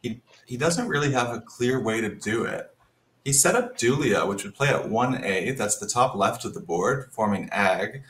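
A man's voice: medium pitch, lively intonation, normal speed, a bit bright, roomy sound. A man commentating a Scrabble match, analytical and thinking aloud about each move. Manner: analytical, thinks aloud while reading the board. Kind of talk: live game commentary.

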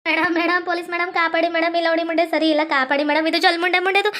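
Her voice is extremely high, fairly bright, flat in delivery and rapid-fire. She plays a loud, dramatic village woman locked in a cell, wailing, scolding and crying for help in a panic, with a North Karnataka Kannada accent.

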